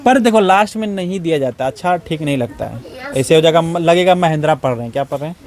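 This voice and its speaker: A man's voice: on the high side, lively intonation, quick pace, darkish tone. A male teacher leading a classroom lesson, firing repeated questions at his students for them to answer back. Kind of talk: classroom lesson with call-and-response. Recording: class chatter and student replies behind.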